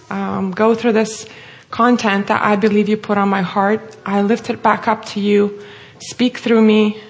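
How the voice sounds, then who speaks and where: A woman from Russia with a Russian accent, preaching an earnest, heartfelt sermon. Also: medium pitch.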